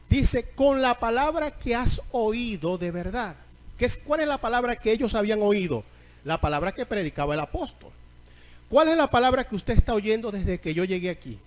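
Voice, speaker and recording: A man delivers a sermon in a high-pitched voice. He reads verses slowly and forcefully, stressing each phrase. Between readings he calls on his listeners to repeat the words and answer him. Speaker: preacher. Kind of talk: sermon, Bible exposition.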